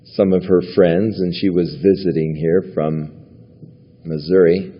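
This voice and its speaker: A pastor preaches a sermon in a church sanctuary, teaching from the Bible conversationally and chuckling now and then. His deep, slightly rough voice keeps a fairly even intonation at a measured pace. The lo-fi recording carries a long hall reverb.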